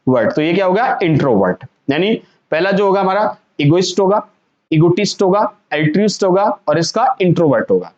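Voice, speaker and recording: A man's voice: high-pitched, sing-song, brisk, a little mellow. A man teaching a vocabulary lesson, sounding words out syllable by syllable and asking the class to repeat them. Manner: drills pronunciation, repeating words and asking questions. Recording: dull lo-fi sound.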